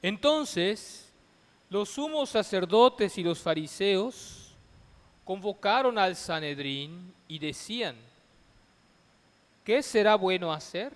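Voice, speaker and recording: Slow solemn man in cathedral echo. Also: sits high. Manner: measured, declamatory phrasing with pauses. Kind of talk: solemn liturgical scripture reading. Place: large reverberant church. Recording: long cathedral echo and reverb.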